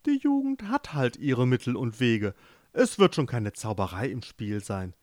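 A man voicing a calm, easygoing queen who speaks in a relaxed, soothing way. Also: mid-range voice, measured pace, no echo, clean studio sound.

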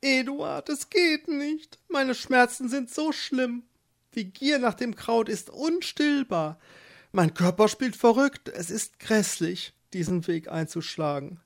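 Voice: mid-range voice, animated, slow pace, pitched above the performer's own voice. A narrator voicing a desperate young pregnant wife in a storybook, pleading. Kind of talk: storybook reading.

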